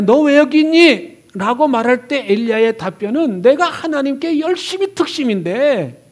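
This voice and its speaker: Pastor guy preaching, high voice, swings from hushed to loud, acts out the lines he quotes. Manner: expressive preaching, voicing God and Elijah in turn, swinging from hushed to loud. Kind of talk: sermon.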